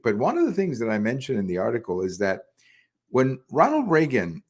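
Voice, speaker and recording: An older man hosting a solo political commentary show, talking conversationally with frequent pauses and restarts. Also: lowish voice. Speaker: podcast host.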